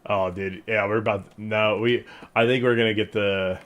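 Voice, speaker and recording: A man's voice: on the low side, steady tone, normal speed, fairly bright tone, muffled recording. A young man chatting casually on a live game stream in slangy, profane, laid-back bro talk. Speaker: teacher. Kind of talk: casual live stream chat while gaming.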